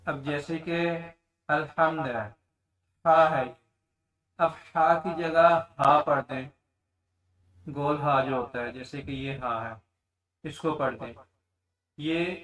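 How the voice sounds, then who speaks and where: A man teaching a tajweed lesson, explaining mistakes in plain speech and then chanting the verses slowly. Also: a little high, fairly bright tone, recorded from a distance, low-quality recording. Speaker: Quran recitation teacher.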